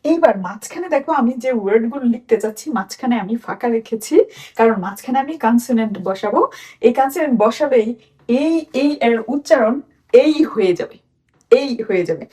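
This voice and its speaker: A woman with a Bangladeshi Bengali accent teaching a children's phonics lesson and repeating each sound slowly for the children to copy. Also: on the high side, animated, warm tone, distant mic.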